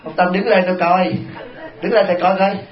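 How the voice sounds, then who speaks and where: A man's voice: sits high, brisk, noisy background. A man, a Buddhist monk giving a dharma talk, telling humorous stories and addressing the congregation. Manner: humorous, animated storytelling to the congregation. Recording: echoey, dull lo-fi hall.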